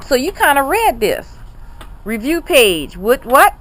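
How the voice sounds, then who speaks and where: Here a grandmother of middle or later years helps a child read, her casual coaching full of encouragement, exclamations and repeated prompts. She sits high in pitch with an unhurried, sing-song delivery and a slightly bright quality, over a little hiss or hum.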